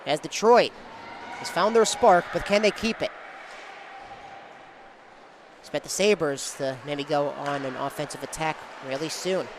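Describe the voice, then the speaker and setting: Speaking at normal speed, a high-voiced man gives live sports play-by-play, following each moment in brief, clipped bursts. Some noise from the venue is audible in the background.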